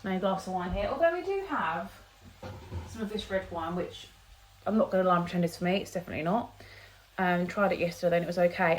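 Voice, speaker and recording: A woman in her twenties chatting casually to camera for her vlog, rambling and correcting herself as she goes. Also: mid-range voice. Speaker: vlogger. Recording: dull lo-fi phone audio.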